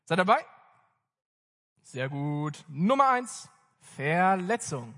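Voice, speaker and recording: A young man preaching a sermon in a casual, lively way, speaking directly to his congregation. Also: on the high side, slow. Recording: long reverb of a hall.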